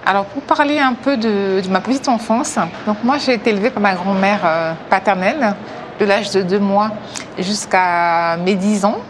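A woman from Africa tells her personal faith story as a testimony, speaking in a mid-range voice. She sounds hesitant, with many pauses and filler words, and there's a lot of background noise.

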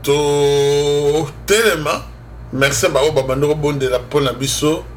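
A Congolese man from the Democratic Republic of the Congo hosts a religious radio show, preaching conversationally and emphatically while switching between two languages. His voice is on the high side, a little slow, with fairly even intonation and slight background noise. He speaks with a Congolese accent.

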